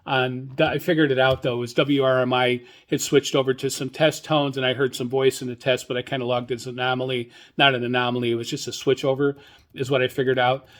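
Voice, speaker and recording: A man with a mid-range voice and flat delivery hosts a relaxed solo radio hobby show. Though enthusiastic, he speaks haltingly, rambles, and keeps repeating words.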